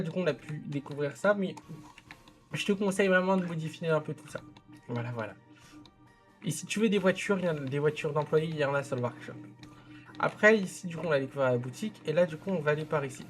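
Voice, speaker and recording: A man casually commenting on a zoo-building game, giving direct advice to the viewer and often correcting himself. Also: on the high side. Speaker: game content creator reviewing a viewer's zoo.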